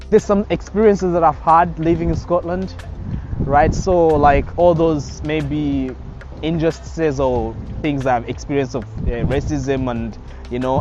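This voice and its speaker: A man in his twenties, originally from Congo, telling his story in a documentary interview in an upbeat, conversational way. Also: medium pitch. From Democratic Republic of Congo. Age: 20s. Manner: upbeat, conversational, frequent "you know". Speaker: filmmaker and DJ. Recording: slightly muffled, with faint music behind.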